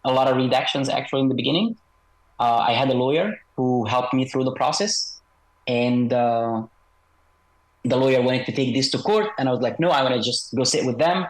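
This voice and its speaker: A man speaks as an interview guest in a slightly altered voice, processed to disguise him. His pitch sits in the middle, and he explains things in a measured, halting, conversational way. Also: poor audio. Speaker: interview guest, author and former military unit member.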